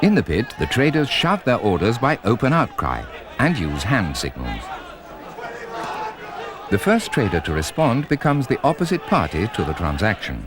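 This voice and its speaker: A man reading scripted corporate documentary narration in a measured, formal way. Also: fairly low pitch, huge pitch swings, crowd noise. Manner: measured, formal presenter delivery. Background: music.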